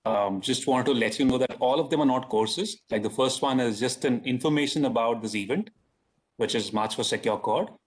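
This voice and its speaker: Husky-voiced man explaining matter-of-factly. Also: medium pitch, brisk. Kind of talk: webinar explanation. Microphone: video call.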